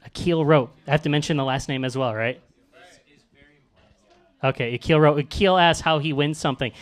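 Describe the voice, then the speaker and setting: A man's voice: fairly high pitch, moderate pace. A man hosting a live comedy roast on a club stage, joking with the crowd and reading emails in mock voices. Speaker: comedian host. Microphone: handheld mic.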